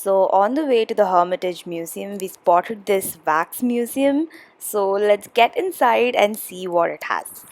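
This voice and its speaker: A woman's voice: mid-range voice, unhurried, soft background music. A young woman from India narrating a casual travel vlog, chatty with frequent ums and uhs. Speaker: travel vlogger.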